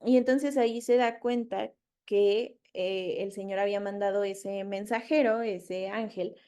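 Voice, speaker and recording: A woman's voice: medium pitch, steady tone, measured pace, mellow, smooth. A woman teaching a casual Bible study, chatty and loose, quizzing her listeners as she retells the story in her own words.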